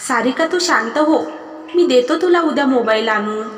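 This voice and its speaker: A woman's voice: high-pitched, lively intonation, moderate pace. Storybook role: woman doing a firm young farmer husband, echoey room. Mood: stern. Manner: firm, scolding. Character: young male farmer, patient husband, stern when pushed. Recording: echoey hall with music behind.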